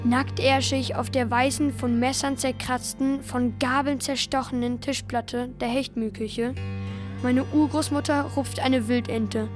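A frightened, guilt-ridden boy from a radio play, played by a woman, narrating earnestly in the first person. The voice sits high, with faint music underneath. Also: fairly even intonation, measured pace.

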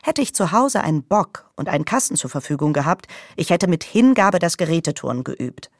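A woman's voice: lowish voice, very animated, fairly quick, no echo, clean studio sound. A woman playing an indignant, wounded narrator in a scripted radio essay, given to rants that build from reflection to outrage. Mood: wistful, earnest. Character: indignant grown woman still wounded by school sports. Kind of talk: scripted first-person radio essay with dramatic dialogue.

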